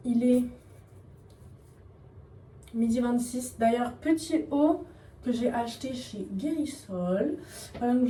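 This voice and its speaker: A woman's voice: sits high, warm tone, distant mic. Chatty young woman, roomy and off-mic. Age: young adult. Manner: chatty, rambling, self-mocking, slangy. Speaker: vlogger. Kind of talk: casual vlog chat. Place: home, getting ready. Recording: echoey room, voice off-mic, faint background noise.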